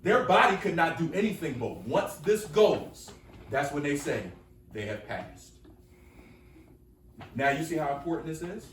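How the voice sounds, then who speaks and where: A man runs an energetic call-and-response lesson, throwing questions back at a class until they answer together. His voice sits fairly high for a man. He is picked up from a distance in a reverberant classroom, with a faint hiss underneath. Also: a little slow, pauses often. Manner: energetic, coaxing, repeats questions for the group to answer. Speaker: workshop speaker. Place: school classroom with students. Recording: echoey room from far off.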